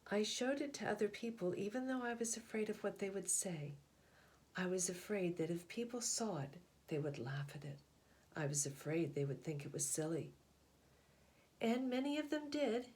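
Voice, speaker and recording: With a mid-range voice, a woman narrates a picture book, pausing often and giving her lines measured, expressive shape.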